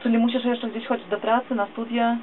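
A woman's voice: on the high side, little pitch movement, fairly quick. A woman hosting a radio interview in a small studio, asking questions of a guest. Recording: dull lo-fi camera recording, clear noise.

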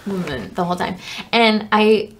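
A woman's voice: mid-range voice, moderate pace. A woman chatting casually as a movie reaction co-host, with some trouble pronouncing her R sounds.

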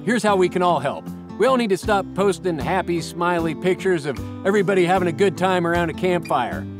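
A man's voice: sits high, lively intonation, brisk, over music. A middle-aged man delivering a scripted comedic monologue, ranting sarcastically and mocking people. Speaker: comedic outdoorsman host.

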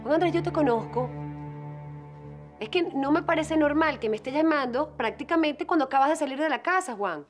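A woman's voice: high-pitched, expressive, fairly quick, over music. An actress playing a distraught woman pleading over a wounded friend in a television drama. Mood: worried. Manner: pleading, frantic, breaking into sobs. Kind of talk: telenovela acting.

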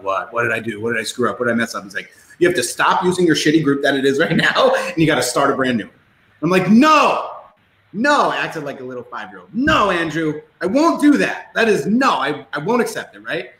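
A man on a podcast as a guest entrepreneur, telling stories in an animated, casual way and swearing freely. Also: medium pitch. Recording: roomy echo.

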